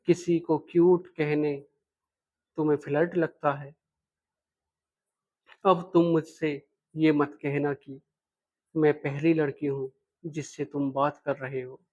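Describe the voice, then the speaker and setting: A man's voice: on the high side, little pitch movement, slow, long pauses, a little mellow. A man voicing a frank, playful young woman student in a read-aloud love story, in a dull lo-fi recording. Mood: teasing. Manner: direct, playful, lightly teasing.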